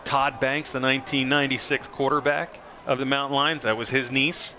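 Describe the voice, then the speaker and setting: Bright-voiced local football play-by-play man. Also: medium pitch, level tone, normal speed, a little hiss or hum. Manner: conversational, many fillers. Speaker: play-by-play broadcaster. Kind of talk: local sports commentary.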